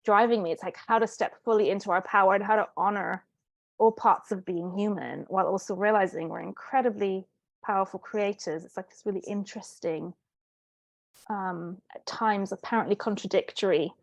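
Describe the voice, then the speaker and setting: A woman's voice: mid-range voice, moderate pace, gravelly, no echo. A woman who grew up in Italy, a guest on an interview, telling her story in an earnest and reflective way. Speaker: guest, life coach. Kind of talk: interview conversation.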